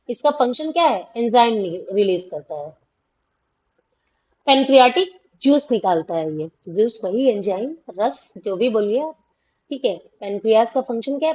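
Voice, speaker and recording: Higher-voiced woman teacher quizzing. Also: darkish tone, rough recording. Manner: repeats questions and answers them, many "theek hai" checks. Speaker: science teacher. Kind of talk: classroom explanation of a class 10 lesson.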